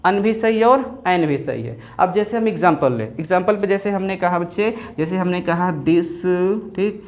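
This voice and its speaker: A man's voice: high voice, moderate pace. A male teacher leads a classroom grammar lesson in front of a board. He talks to the students in a question-and-answer rhythm, asking something and then answering it himself, and he says each key term more than once.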